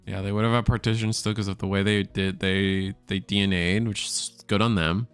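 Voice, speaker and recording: A man casting a card game tournament live, thinking out loud and correcting himself as he talks. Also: fairly low pitch, steady tone, brisk, clear, resonant tone, soft background music. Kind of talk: live play-by-play commentary.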